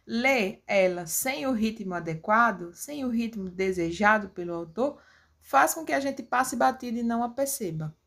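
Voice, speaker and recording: A woman's voice: a little high, lively intonation, normal speed, vocal fry, a bit bright. A woman teaching a grammar lesson, explaining patiently step by step. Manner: explains step by step with tag questions.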